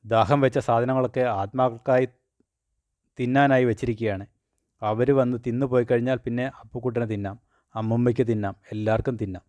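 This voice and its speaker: A man reading the lines of a gentle village father calmly reassuring his son in a storybook reading. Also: mid-range voice, fast talker, dry recording, lightly acted.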